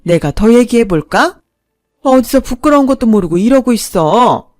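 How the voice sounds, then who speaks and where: A woman's voice: fairly high pitch, lively intonation, normal speed, darkish tone, no room sound, studio quality, pitched above the performer's own voice, lightly acted. A woman voicing a blunt middle-aged neighbor woman who rebukes sternly. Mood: scolding.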